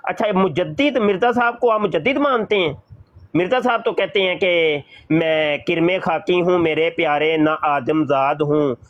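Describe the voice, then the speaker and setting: A man, a mufti, arguing a religious point in a debate, deliberate and pressing, correcting his opponent's words. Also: a little high, no room sound. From Pakistan. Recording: dull, lo-fi sound.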